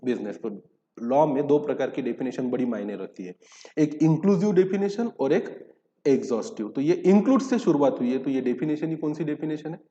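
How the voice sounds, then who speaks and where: A man's voice: on the high side, lively intonation, fairly quick, mellow. A man giving a recorded lecture, explaining terms by asking questions and answering them himself, reading English legal text between spoken Hindi. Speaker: teacher. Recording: dull echoey hall recording.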